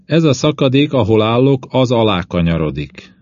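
A man reading an audiobook, voicing an injured male explorer who calmly reassures and gives careful directions. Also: mid-range voice, no echo, pitched above the performer's own voice, close to an everyday voice. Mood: instructing. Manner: reassuring, explains directions patiently. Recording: dull lo-fi dry audiobook recording.

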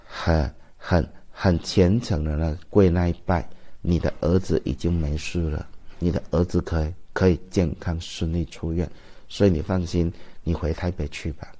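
A man's voice: sits low, fairly even intonation, normal speed, mellow. A man with a Taiwanese Mandarin accent, a Buddhist master giving a dharma talk, telling stories and asking the audience rhetorical questions.

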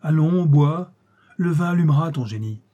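A man reading aloud who voices a cruel, boisterous tyrant king with loud, mocking commands. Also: on the high side, animated, normal speed, highs cut off, voice pushed up. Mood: jovial mocking.

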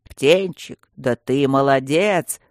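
A reader voicing an old, grumpy stone guardian who mumbles and grumbles loudly. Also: medium pitch, expressive, measured pace, no echo, studio quality, close to an everyday voice. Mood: boisterous. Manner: mumbling, toothless, loud grumbling.

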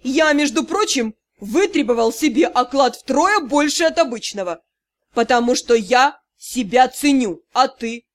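A loud, exasperated young gnome man , read by a woman, rants and scolds with theatrical indignation. The pitch sits fairly high for a man, as a woman's audiobook voice stretches down to him. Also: animated, unhurried. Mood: scolding. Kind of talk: audiobook character reading.

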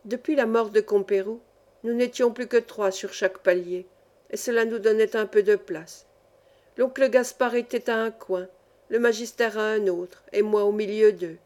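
A woman narrating a classic novel as an audiobook reader, measured and even. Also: medium pitch.

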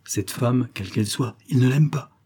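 A man's voice: mid-range voice, normal speed, breathy edge, close to an everyday voice. A man doing a timid young woman. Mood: musing. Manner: soft, hesitant.

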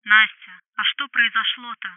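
A woman's voice: a little high, flat delivery, normal speed, dry recording. A woman reading an audiobook, voicing a guilty young female coworker who apologizes hurriedly and falters, heard through a telephone filter. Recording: tinny phone-line sound.

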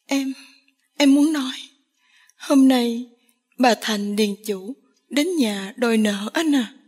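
A woman's voice: a little high, slow, darkish tone, slightly rough. Woman reading as a tearful young village girl. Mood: sad tearful. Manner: tearful, pleading.

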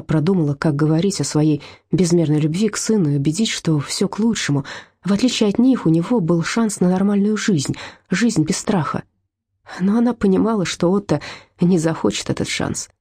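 Low, husky woman narrating. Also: warm tone. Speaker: audiobook narrator. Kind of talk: scripted narration.

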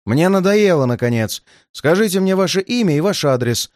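A man's voice: a little high, animated, normal speed, no echo, voice pushed up, close to an everyday voice. A man voicing a stern male detective who speaks dryly and firmly. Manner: dry and firm, sometimes gentle.

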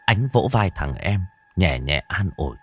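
Deep-voiced dramatic horror storyteller. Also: male voice, a little slow, faint music behind. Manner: dramatic, expressive. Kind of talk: scripted horror narration.

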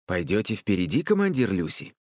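A man voicing a patient, weary adult who speaks in a dry, low, resigned way. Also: wildly swooping pitch, fairly quick, no echo, full character voice. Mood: gentle.

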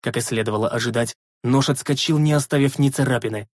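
Male narrator, measured first-person fantasy reading, husky voice, dry close mic. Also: mid-range voice, darkish tone, no room sound. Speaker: audiobook narrator.

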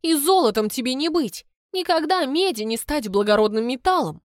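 A harsh, domineering maidservant snaps her orders in slow, heavy words, as a woman narrator puts her on. Her voice leaps around in pitch, and it is recorded close and dry for an audiobook. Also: expressive, no room sound. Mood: scornful. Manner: commanding, slow and emphatic. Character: stern bossy female servant, scornful. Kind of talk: audiobook reading.

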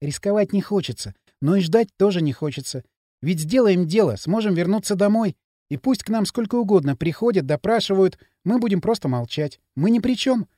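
Кастинг: мужчина озвучивает рассудительную девушку, выразительная подвижная интонация. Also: male voice, high-pitched, animated, fairly quick, dark tone, dry recording, clean studio sound, pitched above the performer's own voice. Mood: patient. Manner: patient, reasoning. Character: unusual calm clever young girl.

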